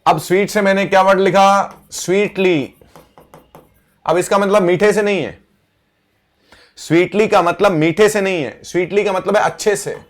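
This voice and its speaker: A man teaching English vocabulary, repeating each word slowly as he writes it out. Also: high-pitched, fairly even intonation. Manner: slow, repeats words while writing on board. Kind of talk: vocabulary lesson.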